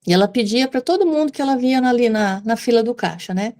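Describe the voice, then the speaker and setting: A woman's voice: fairly high pitch, animated, quick pace, a little mellow. A woman with a Brazilian accent sharing a personal story in a Gospel study group, repeating words and acting out quoted speech. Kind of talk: casual sharing in a group discussion.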